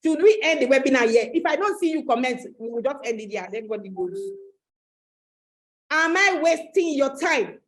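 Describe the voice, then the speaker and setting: A woman with a Nigerian accent giving a motivational webinar talk, animated, repeating phrases and asking the audience questions. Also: high-pitched, moderate pace, low-quality recording. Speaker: webinar host and coach.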